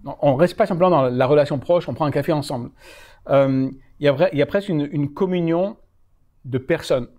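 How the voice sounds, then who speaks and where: A man's voice: fairly high pitch, fairly quick, a little mellow. A man giving a live talk to an audience, speaking with frequent hesitations, fillers and self-corrections. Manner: hesitant, many fillers and restarts. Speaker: lecturer. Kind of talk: live lecture. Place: lecture hall.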